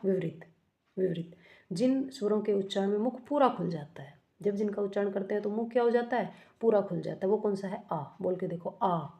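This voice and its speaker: The mellow, mid-range voice belongs to a woman walking through an exam-prep grammar lesson step by step. She frequently corrects herself and answers the questions she asks.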